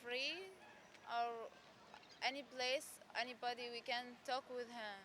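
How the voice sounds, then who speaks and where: A young woman speaking earnest, halting English in a documentary interview. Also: a little high, steady tone, noisy background. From Palestine. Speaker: event participant.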